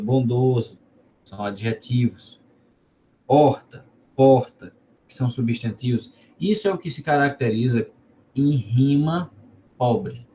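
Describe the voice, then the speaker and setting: A man's voice: medium pitch, slight background noise. A man with a Northeastern Brazilian accent teaching an online class in an informal way, asking the students questions and repeating words as he explains. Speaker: teacher of a cordel literature course.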